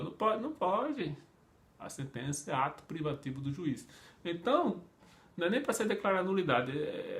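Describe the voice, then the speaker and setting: A man's voice: a little high, fairly bright tone. A man with a Brazilian Portuguese accent teaching a law class, talking conversationally, asking rhetorical questions and often adding tag questions. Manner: conversational, asks rhetorical questions, acts out imagined speakers; frequent tag questions and fillers. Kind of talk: online law lecture.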